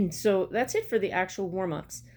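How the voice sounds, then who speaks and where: This is a home-recorded bagpipe practice chanter lesson: a middle-aged woman at a measured pace and medium pitch, a little mellow, explains things step by step and counts out the beats to camera. Room noise and intermittent metronome clicks are clearly audible in the small indoor room.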